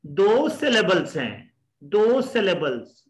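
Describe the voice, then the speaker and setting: A man's voice: sits high, sing-song, takes it slowly. A middle-aged man with a Pakistani accent teaching pronunciation, patiently repeating words to drill them. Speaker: English teacher. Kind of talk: pronunciation lesson. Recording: echoey room.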